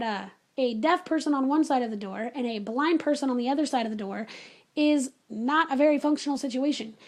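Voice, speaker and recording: High-voiced chatty woman telling a story. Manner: chatty, animated, full of asides. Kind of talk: casual spoken storytelling.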